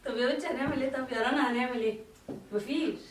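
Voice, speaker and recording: Woman, Egyptian Arabic accent, teasing mother, fast talker, a bit high, distant echoey home recording. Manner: teasing, coaxing, laughing. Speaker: mother and vlogger. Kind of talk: casual family chat. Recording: echoey room, mic far off, faint noise.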